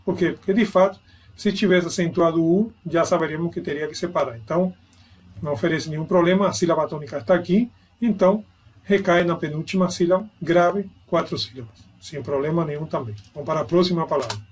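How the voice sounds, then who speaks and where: A Spanish teacher gives an online grammar lesson, explaining step by step and checking in with his students. His voice is on the high side, slightly rough, and quick.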